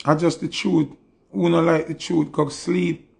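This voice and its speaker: A man's voice: on the high side, level tone, measured pace, vocal fry, darkish tone, slightly rough. A Jamaican man delivering a preachy, confrontational monologue full of repeated rhetorical questions. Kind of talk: ranting monologue.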